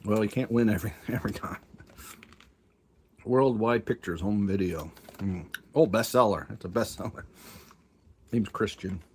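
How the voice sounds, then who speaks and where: A man's voice: lowish voice, moderate pace, pauses often, darkish tone. A man talking around a cough drop, musing aloud in casual offhand commentary as he shows his collection. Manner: muttering, musing aloud with many asides. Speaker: collector showing his tapes. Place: room at home with a fan running. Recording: faint fan noise behind.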